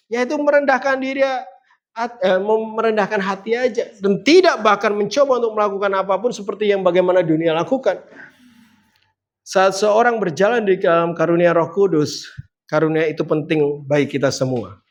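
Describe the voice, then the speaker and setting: A man's voice: high voice, moderate pace. A man preaching a sermon, speaking with rising emphasis and putting direct questions to the congregation.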